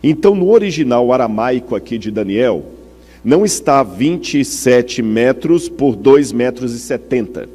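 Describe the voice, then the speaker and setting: Mellow Brazilian preacher in a reverberant hall. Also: male voice, medium pitch, expressive, measured pace, husky. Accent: Brazilian Portuguese. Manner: explanatory, checks in with the audience through questions. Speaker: preacher teaching a congregation. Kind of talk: teaching sermon.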